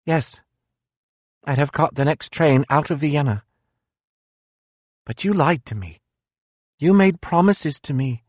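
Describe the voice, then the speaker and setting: A man's voice: fairly high pitch, takes it slowly, long pauses, darkish tone, dry recording, voice pushed up. A man doing a weary, proud philosopher in pain. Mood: accusing. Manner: intense, accusing, weak-voiced. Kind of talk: audiobook character voice.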